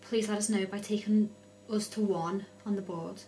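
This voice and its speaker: Young woman, mid-pitched, faint hum behind. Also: steady tone, normal speed, mellow. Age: 20s. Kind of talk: casual vlog talk during a séance. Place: dim indoor room at night. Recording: low hum, faint noise.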